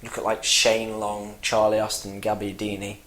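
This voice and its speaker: A man's voice: on the low side, completely flat delivery, moderate pace, fairly bright tone. Easygoing man in football chat. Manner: easygoing, laughs along and agrees readily. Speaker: football channel co-host.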